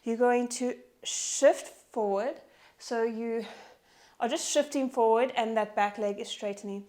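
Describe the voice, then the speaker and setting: Her voice is fairly high but darkish in tone, and she keeps a measured pace. She's a Pilates instructor leading a strength workout, panting as she cues movements, counts repetitions and encourages.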